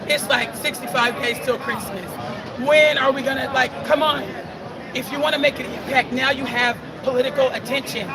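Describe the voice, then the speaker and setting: A man's voice: very high voice, fairly even intonation, moderate pace, distant mic. A man at a street protest, talking bluntly and with profanity about the protesters. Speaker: protest bystander. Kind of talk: street conversation. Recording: off-mic, loud crowd and noise.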